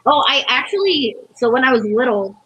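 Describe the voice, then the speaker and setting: A woman's voice: high voice, animated, fairly quick, bright, forceful tone, husky, highs cut off. A woman chatting casually during an eating contest, telling anecdotes and peppering her talk with "like". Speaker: competitive eater.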